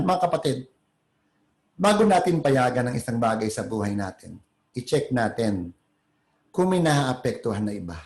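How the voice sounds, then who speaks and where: A man preaches a sermon in a casual, conversational way. He keeps checking in with rhetorical tags. His voice sits a little high and rings in a reverberant room. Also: darkish tone. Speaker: pastor.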